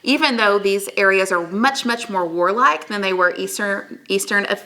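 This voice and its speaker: A woman telling a history story as a lesson in an animated, chatty way, full of asides. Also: mid-range voice, normal speed. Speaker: history teacher.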